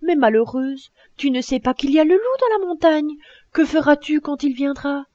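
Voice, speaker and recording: A woman's voice: sits high, animated, normal speed, mellow, no echo, lo-fi sound, voice pushed up. A woman playing an older male farmer who is worried about his goat and scolds it anxiously.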